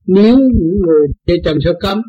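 A man with a Southern Vietnamese accent teaches his followers in a blunt, folksy way, full of anecdotes. His voice sits a little high and sounds husky. The recording is dull and lo-fi. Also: lively intonation, a little fast. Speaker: spiritual teacher. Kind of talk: informal religious talk to followers.

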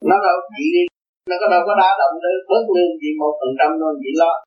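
A man's voice: a little high, very fast, muffled recording, soft background music. A man teaching as a Buddhist teacher in an earnest dharma talk, often checking that his listener understands. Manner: earnest, repeating questions like "see?".

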